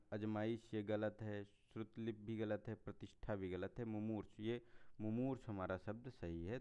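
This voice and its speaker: Low, smooth-voiced man teaching. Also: darkish tone. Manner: explanatory, repeats "theek hai" and "next hai". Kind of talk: exam answer walkthrough. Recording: slightly dull lo-fi sound.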